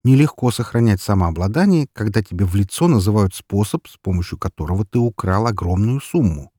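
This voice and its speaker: A man narrating an audiobook in the first person, with even, wry storytelling. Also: fairly low pitch, fairly quick, no room sound, clean studio sound.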